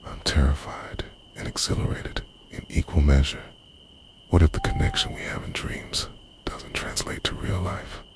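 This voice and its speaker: Narrating a scripted romantic ASMR scene, a man speaks in a hushed, breathy, confessional way that often turns to a whisper. His voice sits low yet swings hugely in pitch, at a moderate pace.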